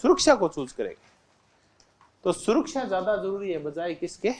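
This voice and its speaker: With a high, sing-song, darkish voice at normal speed, a man teaches political science for an exam. He constantly questions the class and answers himself, restating key terms through simple examples.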